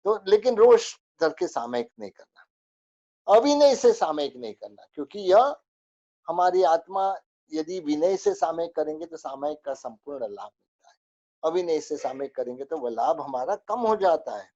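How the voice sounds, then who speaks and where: A man's voice: a little high, sing-song, normal speed, warm tone, dull audio. A man teaching a spoken religious lesson, going through a list of rules with many fillers.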